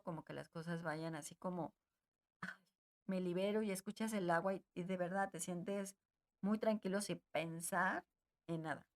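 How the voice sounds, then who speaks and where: Woman, low gravelly voice, gentle and repetitive, speaks straight to her audience. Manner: gentle, repetitive, addresses listeners directly. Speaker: emotional wellness speaker. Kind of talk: advice talk to an audience.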